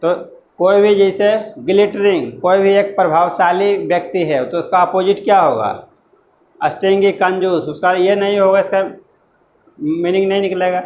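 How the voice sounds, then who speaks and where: A man teaching an exam-prep lesson, explaining words slowly and spelling them out letter by letter, with loose, repetitive phrasing. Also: high-pitched, a little mellow, roomy sound, lo-fi sound, a little hiss or hum.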